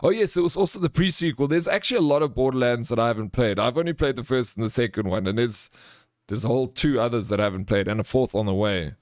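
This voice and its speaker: Male livestream host, South African accent, average pitch, informal and chummy chat delivery, dry room. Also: fast, a little mellow, no room sound. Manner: chummy, informal, calls viewers bro and friend. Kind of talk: casual livestream chat, reading out and answering viewer comments.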